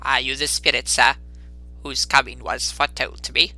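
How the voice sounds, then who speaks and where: A man voicing a nervous old miser in a dramatic storybook reading, speaking in an emphatic, halting, apprehensive way. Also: medium pitch, level tone, sharp tone, soft background music. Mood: wary, demanding. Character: Scrooge, nervous old miser facing a spirit.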